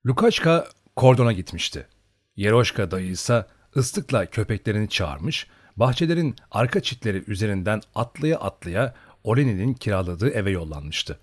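Expressive male audiobook narrator. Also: lowish voice. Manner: expressive storytelling.

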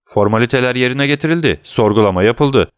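A man's voice: medium pitch, expressive, quick pace, no echo, studio quality, voice pushed up, lightly acted. A man voicing a mocking, threatening gendarme guard. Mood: curt.

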